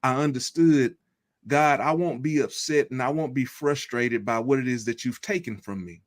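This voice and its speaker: Appearing as an interview guest, a man with a mid-pitched voice tells the story of his recovery as personal testimony. He speaks earnestly and deliberately, laying out his thoughts in a reflective way.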